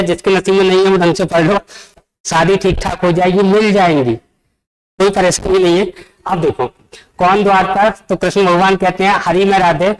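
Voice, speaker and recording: A man's voice: high-pitched, smooth, low-quality recording. A male teacher giving an exam-prep grammar lesson, explaining step by step and putting questions to the class. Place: coaching classroom.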